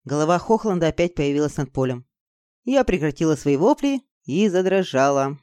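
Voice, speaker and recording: A woman reading an audiobook aloud in an expressive, measured storytelling manner. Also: sits low, dry recording. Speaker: audiobook narrator. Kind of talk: scripted narration.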